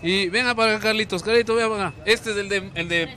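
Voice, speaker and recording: Bright and forceful, this man's high voice comes out fast as he hosts a lively TV segment on location, in a hotel kitchen and out on the street with traffic noise around. He's in his thirties, has an Ecuadorian Spanish accent, holds a handheld mic, and keeps things playful and coaxing with lots of repeated words.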